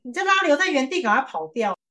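A woman co-hosting a podcast, reacting with short remarks and quick questions. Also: sits high, very animated, pushed and bright. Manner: reacts with short agreeing interjections and quips. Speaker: podcast co-host. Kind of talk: casual chat.

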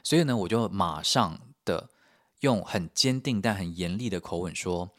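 A podcast host with a Taiwanese Mandarin accent tells a travel story in a lively, self-mocking way. His voice sits a little low for a man. He chats casually and directly to his listeners. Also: normal speed. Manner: animated, self-mocking, often laughing.

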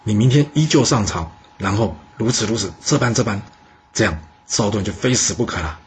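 A man voicing a scheming male court minister, speaking low and conspiratorially. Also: animated, brisk, slight background noise, natural voice.

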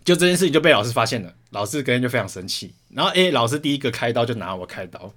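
A young man from Taiwan talks fast in a casual podcast chat. He tells his school stories with a lot of swearing, and his voice sits in the middle of the male range. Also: medium pitch. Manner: swears often, animated retelling. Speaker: podcast co-host.

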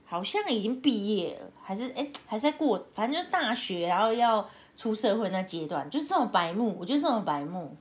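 A woman, hosting a podcast and telling a story in a casual, animated way, often laughing. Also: fairly quick. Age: 30s. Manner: animated, laughing, acts out her own past lines in a high voice. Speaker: podcast host. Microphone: home remote recording.

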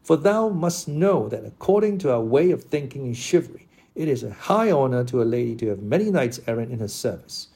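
A man's voice: mid-range voice, warm tone, slightly rough. Don Quixote, read by a man, lofty old knight. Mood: lecturing. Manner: formal archaic speech, declaiming. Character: proud old male knight, lofty and lecturing. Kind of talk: audiobook character reading.

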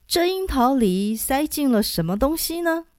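A woman voicing a jovial old male beggar who loves fine food, talking in a hearty, boisterous way with loud laughs. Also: high-pitched, big pitch swings, normal speed, no echo, clean studio sound, voice pushed up. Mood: relishing.

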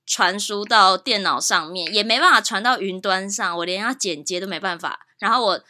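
A woman's voice: mid-range voice, moderate pace, sharp tone. A woman co-hosting a podcast in casual, exasperated chat, with muffled audio re-recorded from a phone. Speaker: podcast co-host.

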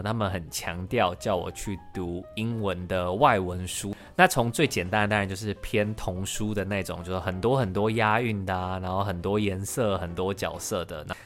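Low-voiced man. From Taiwan. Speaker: podcast host, interviewee. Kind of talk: podcast interview.

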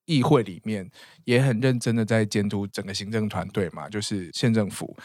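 A man's voice: fairly low pitch, a little mellow, no room sound, studio quality. Teasing man hosting an interview. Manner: teasing, laughs along, quick follow-up questions. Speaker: podcast host. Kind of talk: casual interview chat.

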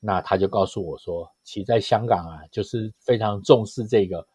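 A middle-aged Taiwanese man with a Taiwanese Mandarin accent tells stories conversationally, explaining as he goes and sprinkling in interjections. His lowish voice is warm and slightly rough, at a moderate pace, recorded in clean studio sound without echo.

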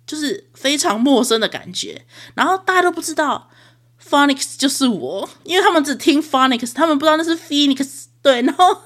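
A woman's voice: high-pitched, lively intonation, moderate pace, fairly bright tone. A young woman with a Taiwanese Mandarin accent, hosting a podcast and telling a story in a chatty, self-mocking way with frequent laughs. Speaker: podcast host. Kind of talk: casual solo storytelling.

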